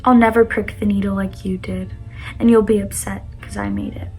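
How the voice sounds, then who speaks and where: A woman's voice: mid-range voice, flat delivery, normal speed, darkish tone, faint music behind. A young adult woman reading personal poems aloud with casual commentary, in an earnest, vulnerable and slightly self-conscious way. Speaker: vlogger reading their own poetry.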